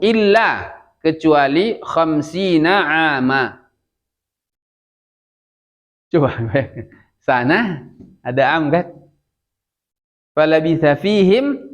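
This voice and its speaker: Indonesian man teaching Arabic, lo-fi. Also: on the high side. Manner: drills words slowly for repetition, then explains casually with light laughs. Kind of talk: classroom language lesson.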